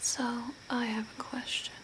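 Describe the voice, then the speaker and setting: A young woman, acting as an eerie yet calm zombie makeup artist, whispers softly and breathily as she gently gives instructions in an ASMR role play. Her voice is a little high, close to an everyday voice, and her delivery is slow and deliberate. The ASMR host records in a small home room by a window, with noticeable background hiss and clear background noise.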